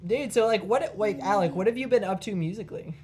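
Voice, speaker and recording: A man's voice: high voice, fast, a little mellow. A man co-hosting a podcast, talking in a laid-back, slangy casual way. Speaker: podcast co-host. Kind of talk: casual chat.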